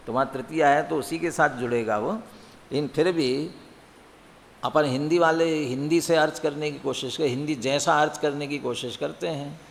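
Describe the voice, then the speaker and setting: A man teaching a religious text, explaining by posing and answering his own questions and chanting verses slowly. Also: mid-range voice, gravelly, big-room sound, slight background noise. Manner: chants scripture slowly and deliberately. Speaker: scripture teacher.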